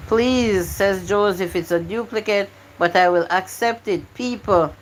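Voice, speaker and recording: A woman's voice: medium pitch, a little slow, rough recording. A woman hosting a live stream word game, coaxing and pleading with her chat to join in.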